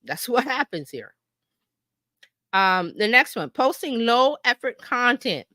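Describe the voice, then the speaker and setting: In an informal live-stream lesson, a woman marketing coach talks in an animated, conversational way, often acting out hypothetical remarks and checking in with viewers. Her slightly high voice moves slowly. The studio-quality audio has no echo.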